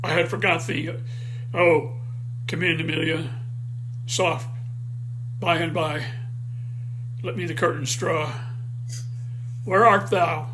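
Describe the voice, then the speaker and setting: A man reading the part of a jealous, tormented middle-aged general in an online Shakespeare reading, with slow, weighty verse delivery. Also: on the high side, fairly even intonation, background noise. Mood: wary. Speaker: reader in an online play reading. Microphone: video call.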